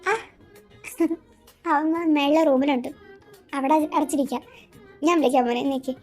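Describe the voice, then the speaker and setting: A woman's voice: sits high, fairly even intonation, moderate pace, soft background music, voice pushed up, lightly acted. A woman voicing a kind middle-aged mother who fusses over a guest in an amateur audio drama. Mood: chatty. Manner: warm fussing hostess, soft and chatty.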